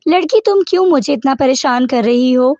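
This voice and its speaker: A woman's voice: high voice, expressive, a little mellow, dry recording. A woman reading the lines of a stern, protective young man who scolds, in a dull lo-fi recording.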